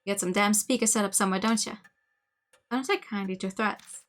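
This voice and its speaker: A woman's voice: mid-range voice, fairly quick, a bit bright, lightly acted. A woman voicing a brash, cocky young male delinquent in a horror game, with slangy punk talk. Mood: sceptical, defensive.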